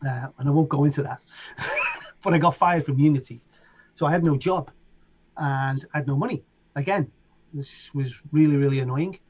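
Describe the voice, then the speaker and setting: Animated Liverpool man telling stories. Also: fairly high pitch, normal speed, breathy edge. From England. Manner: animated, acts out other people's lines in raised voices. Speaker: DJ and producer guest. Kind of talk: casual storytelling interview. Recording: dull lo-fi sound.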